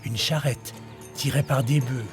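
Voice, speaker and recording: A man voicing a dromedary that tells its life story in measured nature documentary narration, scripted and in the first person. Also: medium pitch, steady tone, music in the background, lightly acted. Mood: narrating. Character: male dromedary telling its own life in the desert.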